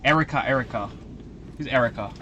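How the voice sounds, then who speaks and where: A young man chatting casually as he streams a video game, rambling and breaking into excited outbursts. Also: medium pitch, fairly quick, dull audio, slight background noise. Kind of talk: casual live-stream commentary.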